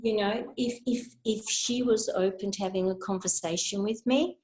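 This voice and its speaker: A woman's voice: mid-range voice, fairly even intonation, normal speed. Rambling older woman, roomy sound. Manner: warm, rambling, repeats words. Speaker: guest speaker. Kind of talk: casual video call chat.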